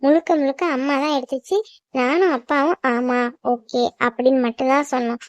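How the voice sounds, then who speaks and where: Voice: high voice, fairly quick, no room sound, highs cut off, lightly acted. A performer voicing the youngest child of a cartoon family, pleading and whiny with the older brothers. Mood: complaining. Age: child figure. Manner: pleading, whiny sibling talk. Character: youngest child sibling, clingy and sensitive. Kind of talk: cartoon voice acting.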